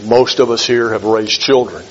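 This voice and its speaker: A man preaching a sermon in a measured, emphatic way, repeating key phrases for weight. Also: lowish voice, a little hiss or hum. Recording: dull lo-fi recording.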